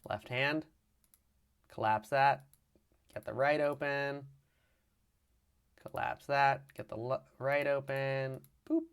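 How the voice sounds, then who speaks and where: A man presenting a live 3D animation tutorial, with a slight vocal fry and frequent throat clearing, narrating each click and step as he works. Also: medium pitch, fairly even intonation, slow pace, pauses often. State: keeps clearing his throat. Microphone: mic with problems on a livestream.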